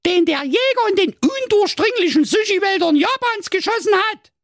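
A man's voice: very high voice, expressive, normal speed, fairly bright tone, dry recording, clean studio sound, pitched above the performer's own voice. A man voicing a prim, triumphant young girl detective in a fairy-tale parody, pompous and accusing. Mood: shrill triumphant.

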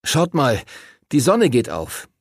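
A man's voice: mid-range voice, huge pitch swings, slow, breathy edge, no room sound, clean studio sound, voice pushed up, exaggerated voice. A man reading an audiobook and voicing an eager teenage boy who urges the others on.

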